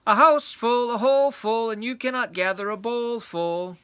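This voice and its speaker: A man's voice: extremely high pitch, normal speed, a bit bright, smooth, pitched above the performer's own voice. A man voicing an impudent little male squirrel from a storybook, singing teasing riddles in singsong rhyme. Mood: cheeky, taunting. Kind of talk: storybook character voice.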